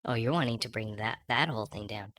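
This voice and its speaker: A man whose voice runs through a pitch-shifting voice changer that turns it into a high, chipmunk-like voice, chatting casually as a streamer co-host. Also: fast talker, fairly bright tone. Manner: chatty, thanks viewers, giggly. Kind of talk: casual chat while playing a game.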